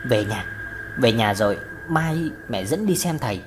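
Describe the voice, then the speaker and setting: A woman's voice: on the low side, big pitch swings, quick pace, music in the background. A woman voicing a worried, superstitious village mother who scolds her son out of fear. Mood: anxious. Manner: scolding and fearful.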